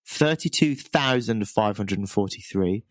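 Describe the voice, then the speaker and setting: Man, animated pitch, dry close sound, teasing quiz host. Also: unhurried, dry recording. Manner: enthusiastic, teasing. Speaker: podcast host. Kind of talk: casual quiz chat.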